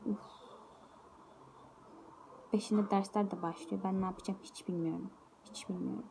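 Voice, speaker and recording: A woman's voice: mid-range voice, fairly even intonation, moderate pace, vocal fry, mellow, a little hiss or hum. A young woman talking casually to her viewers in a vlog, chatty and addressing them directly. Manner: chatty, speaks straight to viewers. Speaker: vlogger. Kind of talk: casual vlog talk to camera.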